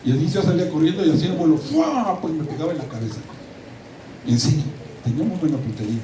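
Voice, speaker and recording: A middle-aged Mexican man preaches with insistent emphasis, repeating and restarting his words, his voice sitting a little high. He sounds distant from the mic in a roomy, echoing hall with steady ambience behind him. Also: rapid-fire, a little hiss or hum. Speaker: pastor. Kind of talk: sermon.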